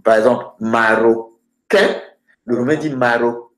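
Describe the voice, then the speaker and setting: A man teaching grammar through lists of words, hesitating often and slowing down for each example. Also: medium pitch, a bit bright. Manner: hesitant, many filler sounds, slows down for example words. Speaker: language teacher. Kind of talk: explaining grammar with word lists. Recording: roomy echoey room.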